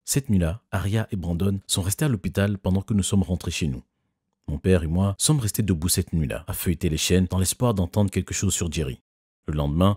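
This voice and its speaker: Deep husky male narrator. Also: warm tone, dry recording, clean studio sound. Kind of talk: scripted first-person narration.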